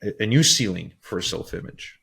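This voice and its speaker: A male podcast host reflects thoughtfully on his guest's ideas, pausing to find the right words. His voice sits very low in pitch. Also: animated, creaky, sharp tone, slightly rough. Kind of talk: conversational podcast interview.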